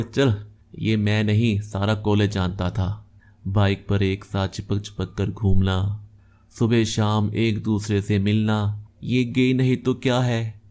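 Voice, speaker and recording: A man voicing a drunk male college friend who loudly mocks and accuses two old classmates. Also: fairly low pitch. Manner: taunting, raised and agitated.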